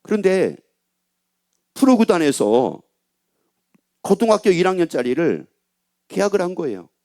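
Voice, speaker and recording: A man's voice: sits high, big pitch swings, unhurried, darkish tone. A middle-aged male pastor preaching a sermon, driving his points home with repeated rhetorical questions to the congregation. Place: church pulpit.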